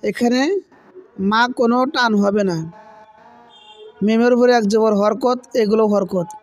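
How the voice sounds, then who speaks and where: A man teaching correct Quran recitation, speaking slowly and deliberately and drawing out the sounds he demonstrates. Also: high-pitched, steady tone. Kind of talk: tajweed lesson.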